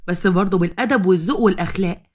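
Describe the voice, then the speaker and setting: A woman's voice: fairly low pitch, very fast, a little mellow, close to an everyday voice. A woman with an Egyptian accent voicing a blunt, bossy mother pushing her married daughter to hold her ground. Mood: scolding. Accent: Egyptian Arabic.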